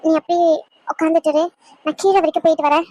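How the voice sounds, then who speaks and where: A woman's voice: extremely high pitch, fairly even intonation, quick pace, muffled recording. A woman voicing a soothing young sister-in-law. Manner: soft, soothing, reassuring. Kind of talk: cartoon voice acting.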